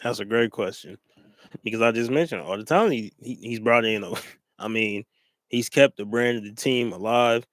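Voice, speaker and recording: A man's voice: mid-range voice, moderate pace, no echo. Rambling man co-hosting sports talk. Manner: rambling, with many fillers and restarts.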